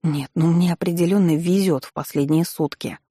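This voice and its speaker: A narrator reading a first-person fantasy story aloud in a wry, expressive manner with ironic asides. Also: mid-range voice, normal speed, breathy edge, dry recording, clean studio sound. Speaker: audiobook narrator.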